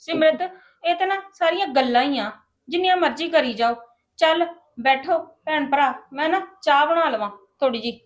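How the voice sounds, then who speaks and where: A woman playing a resentful sister-in-law who complains about money troubles, sharp and sulky. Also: high voice, normal speed, lightly acted.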